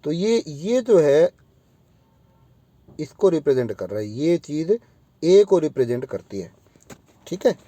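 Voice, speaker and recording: A man teaching phonetics at an unhurried, deliberate pace, spelling out and repeating example words for his students. His voice is very dark and mellow and sits slightly high for a man. The recording is dry and close, with no room sound. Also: very animated, dry recording. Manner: addresses students directly, often checks in with "ठीक है". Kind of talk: phonetics lesson.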